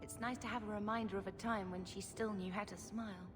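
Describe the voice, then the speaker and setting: Game role: devoted young female mage woman actor, earnest and wistful, medium pitch, clear music bed. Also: steady tone, fast, close to an everyday voice. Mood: tender. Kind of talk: video game voice acting.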